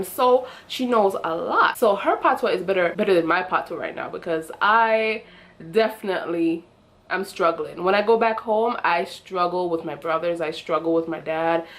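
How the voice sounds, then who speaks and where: A young adult woman with a Jamaican accent, chatting casually to her viewers in a vlog with lively asides. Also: lowish voice. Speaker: vlogger. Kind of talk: casual chat to camera.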